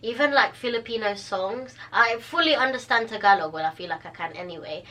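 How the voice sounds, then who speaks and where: A young woman with a London accent, co-hosting a casual podcast chat, slangy and quick to laugh. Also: medium pitch, bright, forceful tone, recorded from a distance, rough recording. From East London. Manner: chatty, slangy, laughs often. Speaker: podcast co-host.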